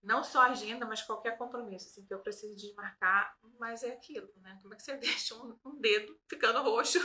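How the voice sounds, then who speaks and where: A woman's voice: a little high, quick pace, pushed and bright, poor audio. A woman hosting a casual conversation, a mother who talks reflectively and ends many phrases with tag questions. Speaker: host.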